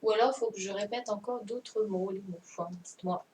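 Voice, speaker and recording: A woman's voice: mid-range voice, brisk, a little mellow. A woman teaching a primary class over a video call, correcting a dictation patiently and often checking that the children understand. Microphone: computer mic on a video call. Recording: distant mic with faint noise.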